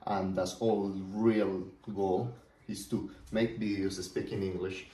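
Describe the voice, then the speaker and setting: In a roomy, echoing space, a small business owner vlogger from Colombia talks slowly through his business plans in a loose, casual monologue, frequently tossing in "right?" He is a native Spanish speaker with a Colombian accent, and his voice is low-pitched, level and mellow.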